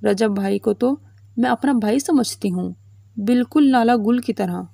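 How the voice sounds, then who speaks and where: Woman reading teary stubborn young girl, pleading, gravelly, dry sound. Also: a little high, warm tone, no room sound. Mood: tearful. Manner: tearful, pleading. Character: young daughter, stubborn, tearful and childlike.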